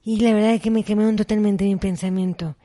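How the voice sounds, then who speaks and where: A middle-aged woman appears as an interview guest, animatedly sharing personal stories and acting out the dialogue. She speaks at a quick pace in a mid-range voice.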